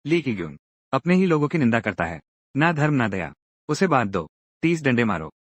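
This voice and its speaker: Male recap narrator, mid-pitched and very lively, dry close sound, acts out all the parts. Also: moderate pace, no echo. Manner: lively, acts out each character's lines in turn. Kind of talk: dramatic Hindi recap narration voicing every character.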